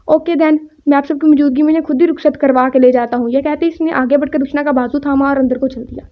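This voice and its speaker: A woman's voice: high voice, steady tone. A woman reading a romance novel aloud, narrating and speaking every character's lines in her own voice. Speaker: audiobook narrator. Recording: dull lo-fi recording.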